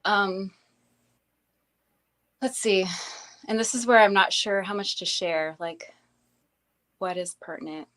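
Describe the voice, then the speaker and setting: A woman's voice: medium pitch, takes it slowly, long pauses, fairly bright tone. Hesitant woman telling her life story. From grew up in Bangladesh, later Canada. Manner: hesitant, many ums and restarts. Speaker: interview guest. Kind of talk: casual personal storytelling.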